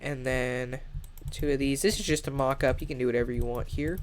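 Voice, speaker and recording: A young Minecraft tutorial creator, sounding nasal and congested, rambles casually through a build with many fillers and restarts. His mid-range voice stays steady and moves fairly quickly, with slight background noise in the recording.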